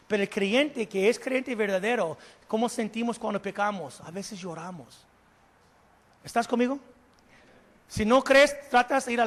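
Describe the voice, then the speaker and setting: Man, pastor, high voice, animated sermon, questions to listeners, English words mixed in, long hall reverb. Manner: animated preaching, questions to the congregation; slips English words into Spanish.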